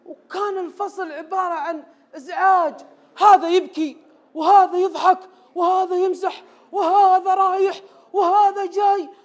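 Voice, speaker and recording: On stage, an actor plays an anxious, people-pleasing former teacher. In a notably high voice he pleads and repeats himself, with nervous laughter running through the monologue.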